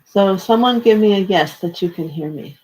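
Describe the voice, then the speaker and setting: A host of unclear sex leading a live guided relaxation session in a gentle, halting, unscripted way with pauses. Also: medium pitch, low-quality recording. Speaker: spiritual session host leading singing bowl meditation.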